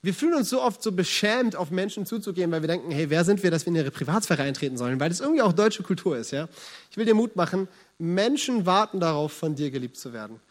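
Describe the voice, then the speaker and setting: A young man preaching a sermon at a church service, animated and encouraging, with rhetorical questions to the congregation. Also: sits high, fast talker. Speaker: pastor.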